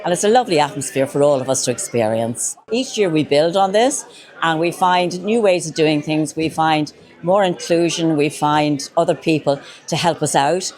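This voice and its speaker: A woman's voice: low voice, normal speed, darkish tone. A woman, an event organiser giving an interview on location outdoors. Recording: outdoors with busy crowd behind.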